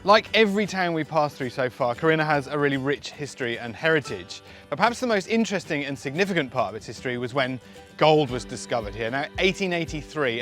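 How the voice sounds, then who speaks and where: Male Australian travel host, fairly high register, dry jokey delivery, over prominent music. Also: a bit bright. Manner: wry, jokey, understated. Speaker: travel show presenter. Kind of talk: travel vlog narration and casual on-camera chat.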